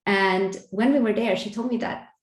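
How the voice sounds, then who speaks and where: A woman's voice: mid-range voice, moderate pace. Earnest woman talking in a roomy space. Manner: earnest, laughs between phrases, restarts. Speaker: podcast co-host. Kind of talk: casual spiritual conversation. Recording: roomy echo.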